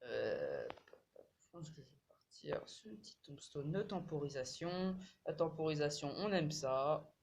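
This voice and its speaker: A man commentating his own mobile game match in casual French slang, swearing and repeating words when excited. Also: on the high side, a little slow, slight background noise.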